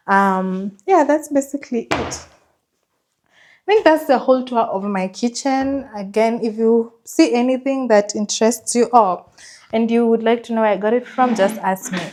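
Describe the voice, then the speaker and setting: A woman with a fairly high voice presents a home tour vlog. She talks in a casual, chatty way and sounds enthusiastic about what she is showing. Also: darkish tone, a little hiss or hum. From Kenya. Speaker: vlogger giving a house tour.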